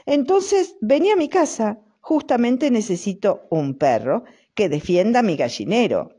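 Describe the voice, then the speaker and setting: Woman voicing a persuasive storybook farmer, Rioplatense accent, raised pitch, measured. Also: big pitch swings, warm tone, slightly rough. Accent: Rioplatense Spanish. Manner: brisk, persuasive. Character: bossy helpful male farmer, brisk.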